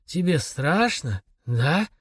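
A man voicing a raspy dying father. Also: on the high side, big pitch swings, takes it slowly, dry recording, heavily acted. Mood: weak, pleading. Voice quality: raspy whisper. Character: dying, broken father, weak and rasping.

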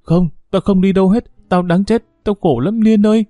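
Male narrator doing a tearful, frightened young woman in an audiobook, pitched high and pleading. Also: expressive, normal speed, warm tone, dry recording, studio quality, natural voice.

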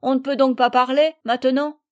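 A woman's voice: a little high, lively intonation, moderate pace, darkish tone, no echo, studio quality, close to an everyday voice. A woman reading the lines of a blunt, sulky young boy in a storybook.

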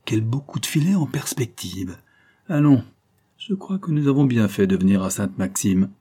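A man's voice: mid-range voice, lively intonation, moderate pace, dark tone, breathy edge. A man reading aloud and voicing a scheming, ruthless female adventurer with commanding, triumphant speech and hissed asides. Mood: gloating. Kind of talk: audiobook character reading.

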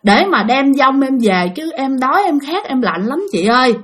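A woman's voice: sits high, sing-song, normal speed, fairly bright tone, full character voice. A woman voicing the tearful, pleading ghost of a drowned young man.

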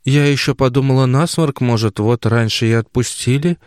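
A man voicing an older mother, hoarse and wheezing, frightened and unsure in an audiobook. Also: mid-range voice, moderate pace, darkish tone, no echo, studio quality, voice pushed up, natural voice. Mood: fearful. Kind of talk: audiobook character voice.

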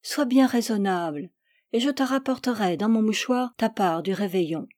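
A woman's voice: medium pitch, moderate pace, darkish tone, dry recording, clean studio sound, natural voice. A woman reading aloud, voicing an ailing older peasant wife with a plaintive, whiny tone.

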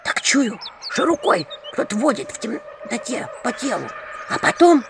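A woman reading an audiobook, voicing a frightened, shy village widow who pleads in a breathy half-whisper. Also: on the high side, big pitch swings, measured pace, background noise, voice pushed up, exaggerated voice. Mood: hushed fearful. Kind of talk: audiobook character voice.

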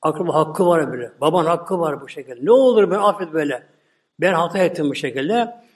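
A man's voice: fairly high pitch, lively intonation, fast talker, distant mic, lightly acted. A man voicing a rich scheming man who begs desperately for mercy. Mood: pleading. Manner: pleading. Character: rich scheming man Korah, begging in terror.

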